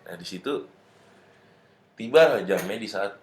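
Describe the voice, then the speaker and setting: A man, chatting on a podcast and telling a story with lively acted-out voices. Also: on the low side, a little slow. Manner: animated storytelling, acting out voices. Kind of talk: casual chat. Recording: echoey room.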